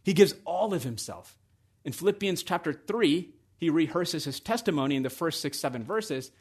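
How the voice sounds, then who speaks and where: A man preaching a sermon in a conversational way that builds to excited emphasis. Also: fairly high pitch, moderate pace, slightly rough.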